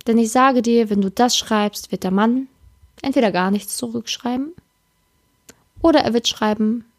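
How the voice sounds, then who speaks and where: A woman with a slightly high voice gives dating advice as a direct-address monologue. She speaks emphatically and straight to the listener, like a coach setting someone right. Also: moderate pace.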